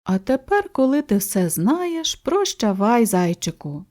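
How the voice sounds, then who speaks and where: A woman voicing a calm, dignified old male bear who advises kindly and without hurry in a children's storybook. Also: fairly high pitch. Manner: slow, unhurried and kindly advising.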